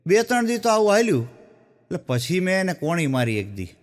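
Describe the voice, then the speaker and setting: A man, a stand-up comedian telling folksy joke stories and dropping his voice low when he quotes people. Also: sing-song, fairly quick, big-room sound. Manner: folksy storytelling, drops low for quoted characters.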